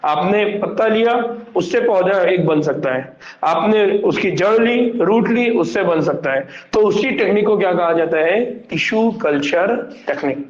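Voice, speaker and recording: Male teacher with a high voice, lecturing in a question-and-answer style, dull lo-fi recording. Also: expressive, normal speed. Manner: asks rhetorical questions and answers them himself; mixes English terms into explanations. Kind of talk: classroom biology lecture. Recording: echoey room, dull lo-fi sound.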